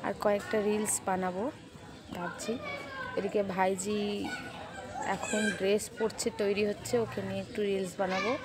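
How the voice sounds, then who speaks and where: A woman vlogging casually at home, talking quietly and gently coaxing her mother. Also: medium pitch, little pitch movement, moderate pace, long pauses, background noise. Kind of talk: casual vlog chat. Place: at home with family.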